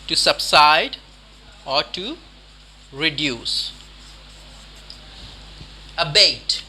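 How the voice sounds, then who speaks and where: A man teaching English vocabulary in a lesson, repeating each word slowly and quizzing the listener. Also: a little high, expressive, sharp tone, a little hiss or hum. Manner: slow, repeats words deliberately, quizzes the listener.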